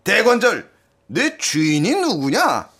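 An actor playing an outspoken bystander who speaks up indignantly in a radio drama. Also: male voice, sits high, huge pitch swings, slow, a bit bright, slightly rough, heavily acted. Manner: indignant, raised voice.

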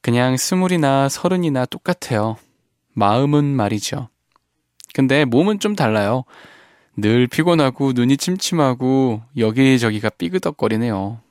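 A man hosting a radio show in a studio, reading listener messages and reflecting on them in a soft, gentle way that often trails off quietly. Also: mid-range voice, lively intonation, moderate pace, clean tone, dry recording. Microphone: studio microphone.

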